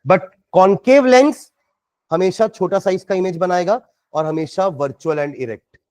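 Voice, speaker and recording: A man's voice: sits high, takes it slowly, a little mellow, dry recording. A man with an Indian accent teaching science, working through problems step by step and quizzing his students. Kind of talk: classroom lecture solving problems.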